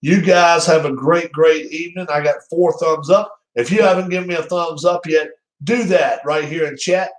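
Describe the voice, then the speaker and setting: A man's voice: on the high side, steady tone, moderate pace. A man hosting his own channel, chatting casually on a live stream in a rambling, teasing, jokey manner. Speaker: channel host. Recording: roomy echo.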